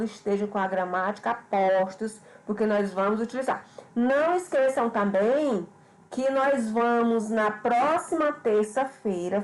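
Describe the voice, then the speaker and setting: Slow, patient woman teacher. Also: mid-range voice, rough recording. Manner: slow, patient, repeats questions and checks with "certo?". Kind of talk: online grammar lesson.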